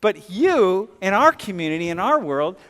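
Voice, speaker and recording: A male professor chats his way through a lecture, his voice sitting a little high. He talks casually, full of fillers and restarts. A long reverb from the lecture hall trails behind every word. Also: very animated, moderate pace, a bit bright. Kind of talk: classroom lecture with student questions.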